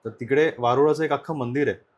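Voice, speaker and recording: Quiet male podcast host from Konkan. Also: mid-range voice, fast, dull audio. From Konkan region, India. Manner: quiet, listens with soft murmured acknowledgements. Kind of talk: casual chat.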